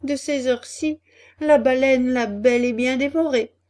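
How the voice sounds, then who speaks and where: A woman voicing a small, wise male cricket who speaks in a calm, measured, lecturing way in a storybook reading. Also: high voice, pitched above the performer's own voice. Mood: stern.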